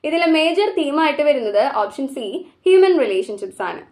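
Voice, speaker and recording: A woman with a Malayali accent walks through exam questions as a teacher. Her voice sits high, and she reads each question slowly before explaining the answer quickly. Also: big pitch swings, a little mellow. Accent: Malayali English. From Kerala, India.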